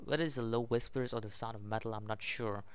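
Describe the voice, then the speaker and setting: A gaming video host with a clean, medium-pitched voice and fairly even intonation talks fast through a casual playthrough. He reads the game's text aloud and adds jokey side remarks, with faint video game music under his voice.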